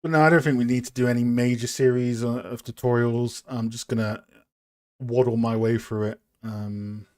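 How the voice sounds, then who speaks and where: A man with a mid-range, darkish-toned voice hosts a casual live stream as a streamer and game art host. While working on a model, he chats with viewers in a rambling, self-deprecating way.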